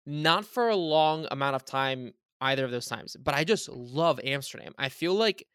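Man, podcast host, from Bulgaria, chatty, enthusiastic, smooth voice, slightly high, dry sound. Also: lively intonation, normal speed, a bit bright, no echo. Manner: chatty, enthusiastic, rambling questions. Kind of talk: casual interview chat. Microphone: video call.

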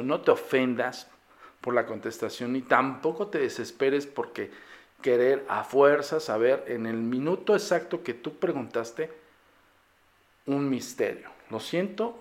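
A man's voice: medium pitch, moderate pace, fairly bright tone. A man with a Mexican accent, hosting a paranormal podcast and bluntly lecturing his listeners in a casual monologue. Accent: Mexican Spanish.

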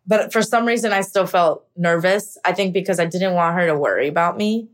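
A young adult American actor talks candidly about her own life in an interview monologue, speaking fairly quickly in a fairly low voice. She's reflective, and her speech is full of casual fillers.

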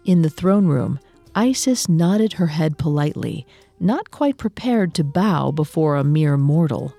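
A woman narrating a mythology podcast in a measured storytelling manner. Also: low voice, animated, dark tone, no room sound, faint music behind.

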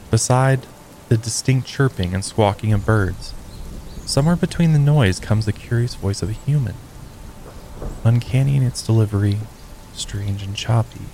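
A man giving slow, measured, scripted narration for a nature documentary. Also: lowish voice, creaky, a little mellow, slight background noise, rough recording. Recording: faint rain in background.

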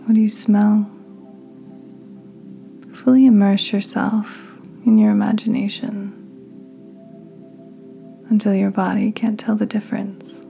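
A woman hosting a podcast, leading a guided meditation in a soft, half-whispered, soothing voice. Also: medium pitch, vocal fry. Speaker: podcast host.

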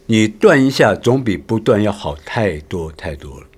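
A man's voice: on the low side, expressive, moderate pace, husky. A man with a Taiwanese Mandarin accent, a voice teacher explaining emphatically in a casual podcast chat. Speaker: voice actor and teacher.

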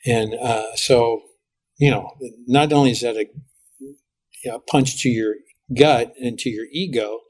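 A middle-aged man, a pastor, talking as a guest in a podcast interview and telling lively stories with frequent restarts. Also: medium pitch, measured pace. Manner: animated storytelling with lots of restarts.

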